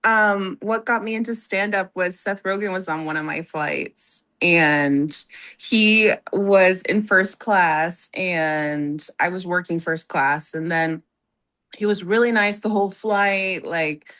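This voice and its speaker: A woman's voice: lowish voice, fairly even intonation, takes it slowly, a bit bright. A woman guest on a podcast, telling a story casually and giggling as she acts out the lines she quotes. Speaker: guest, background actor and stand-up comic.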